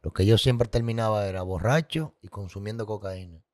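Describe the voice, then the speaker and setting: A man's voice: on the low side, brisk, a little mellow. A man telling his personal story as a guest, candid and emotional, with vivid sound effects and repetition.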